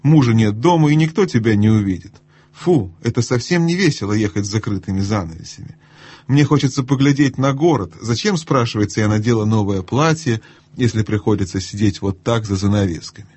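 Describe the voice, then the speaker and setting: A man's voice: lowish voice, fairly quick, darkish tone, husky, no echo. A man voicing a vain, chattering young noblewoman who gushes languidly over trifles in an audiobook. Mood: chatty.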